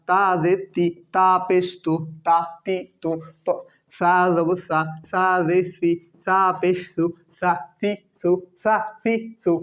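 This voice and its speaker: A man with a fairly high voice teaches an online Quran tajweed class, patiently drilling Arabic letters and vowel marks and slowly repeating each sound so students can follow along. The recording has a dull, lo-fi quality.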